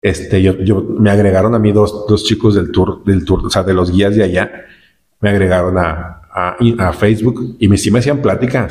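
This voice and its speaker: A man's voice: low-pitched, a little mellow. A man from Nuevo León with a northern Mexican accent, casually telling a travel story in a rambling way, repeating words and using many fillers. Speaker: vlogger recounting a trip.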